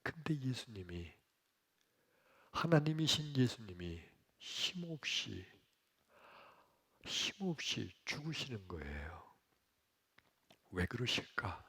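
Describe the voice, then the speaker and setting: A male pastor preaching a sermon in a church, dramatic, moving from hushed whispers to loud exclamations. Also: mid-range voice, lively intonation, measured pace, pauses often, slightly rough. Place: church sanctuary, streamed for online worship.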